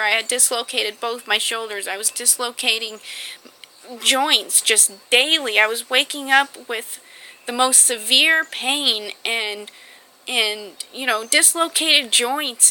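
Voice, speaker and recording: A young woman vlogger telling her personal health story to the camera, halting often with fillers and restarts. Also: a little high, vocal fry, bright, forceful tone, a little hiss or hum, poor audio.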